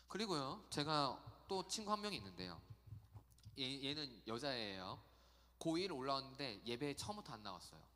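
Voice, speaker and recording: Male youth pastor, animated storyteller, bright voice, church hall reverb. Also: mid-range voice. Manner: chatty, animated storytelling with acted quotes. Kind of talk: youth sermon. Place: church sanctuary.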